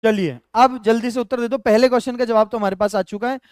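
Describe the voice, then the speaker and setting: A man's voice: extremely high pitch, steady tone, quick pace, clean tone, no echo, studio quality. A male teacher with a Rajasthani Hindi accent, explaining grammar step by step in a live online lesson and talking to viewers as friends.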